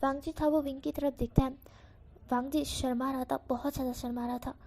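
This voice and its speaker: A woman's voice: high voice, steady tone, a little fast, warm tone. A woman casually telling a fan fiction story in a chatty way, correcting herself as she goes. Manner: chatty, with fillers and self-corrections.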